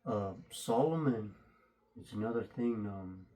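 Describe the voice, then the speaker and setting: Slow, low-voiced man, slightly muffled by mask. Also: lively intonation, mellow. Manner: halting, hesitant delivery. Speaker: unboxing video host. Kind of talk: casual unscripted unboxing chat. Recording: faint background noise, clicks.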